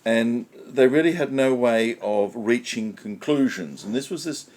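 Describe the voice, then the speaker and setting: A man's voice: medium pitch, unhurried, a little mellow. A man on a conference panel explaining technical history step by step, repeating key points for emphasis.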